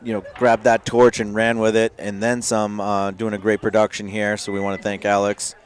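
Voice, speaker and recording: A man giving live paintball commentary in a relaxed way, with many fillers and restarts. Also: lowish voice, moderate pace.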